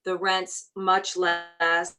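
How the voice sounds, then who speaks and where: A woman from New Orleans, a shop owner talking as an interview guest, telling her story in a chatty, animated way. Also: lowish voice, very slow, low-quality recording. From New Orleans, USA. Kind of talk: casual conversational interview.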